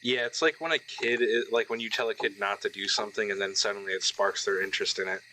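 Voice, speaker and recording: A man's voice: on the low side, fairly even intonation, fast talker. A man narrating a tabletop game casually as game master. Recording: noisy, crickets chirping behind.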